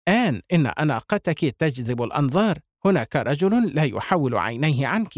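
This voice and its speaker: A man voicing a sharp-tongued teenage girl in an audiobook, with cheeky, biting lines. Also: a little high, sing-song, brisk, no echo, studio quality. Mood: teasing.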